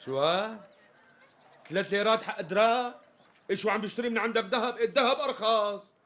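A man's voice: sits high, fairly quick, fairly bright tone. A man playing an impatient, short-tempered customer who keeps demanding a price, speaking with a Syrian accent in a TV sketch comedy. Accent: Syrian Arabic. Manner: blunt, increasingly irritated demands. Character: impatient exasperated male customer, quick to anger.

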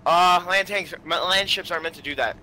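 A man giving casual gameplay commentary with a friend, excitable and shouting callouts. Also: high-pitched, brisk, crowd noise. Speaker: co-op gaming partner.

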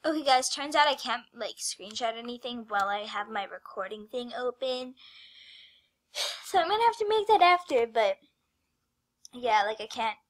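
A chatty, rambling female vlogger with a somewhat high voice. She talks casually to her viewers while she works, and keeps slipping into a soft whisper. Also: expressive, normal speed. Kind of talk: casual screen-recorded vlog.

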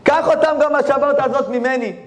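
A man's voice: very high voice, echoey room, voice pushed up. A man voicing a simple, pious young man who pleads earnestly and sounds close to tears. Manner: sincere, pleading, near tears.

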